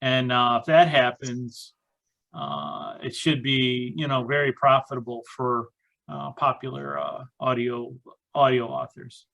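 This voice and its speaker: A man chatting casually on a podcast, pausing often with "uh" and "um". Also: medium pitch, little pitch movement, creaky, pushed and bright, highs cut off. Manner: hesitant, many "uh" and "um" fillers. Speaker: podcast co-host and author. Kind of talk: casual chat.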